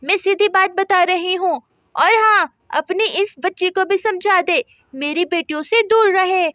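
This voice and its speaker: A woman performs a bossy, scornful rich neighbor lady in a doll story, shrieking scolds and threats in a very high voice. The sound is close and dry, with no room around it. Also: a little slow, a bit bright, dry recording.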